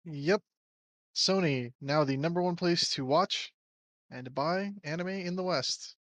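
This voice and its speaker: A man's voice: a little high, unhurried, fairly bright tone, no room sound. A man co-hosting a casual podcast, talking bluntly and swearing freely. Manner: blunt, swears when annoyed. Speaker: podcast co-host. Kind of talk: casual chat.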